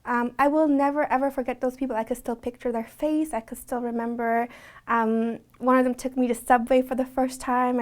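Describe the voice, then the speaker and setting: High-voiced woman, earnest interview. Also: darkish tone. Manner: earnest, conversational, with frequent restarts. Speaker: interviewee in an immigration documentary. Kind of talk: reflective documentary interview.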